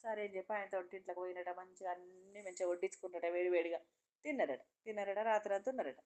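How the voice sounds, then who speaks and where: Brisk woman storyteller, folk tale at bedtime, voices every character. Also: mid-range voice. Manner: lively storytelling, voicing each character.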